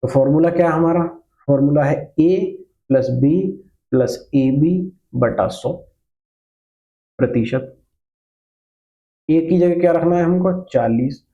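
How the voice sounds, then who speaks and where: A man's voice: fairly high pitch, slow, pauses often, muffled recording. A man teaching math to a class, explaining each step patiently, asking questions and repeating key points, mixing in English terms. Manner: mixes Hindi with English terms.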